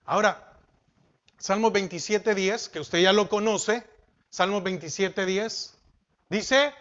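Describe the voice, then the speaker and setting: A man preaching a sermon as pastor, asking the congregation questions and dropping from loud emphasis to soft. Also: high voice, slow, lo-fi sound.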